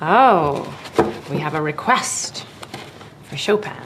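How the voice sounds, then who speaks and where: A woman's voice: low voice, lively intonation, takes it slowly. An actress playing an easygoing woman about to play the piano, mild and indulgent. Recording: noisy background.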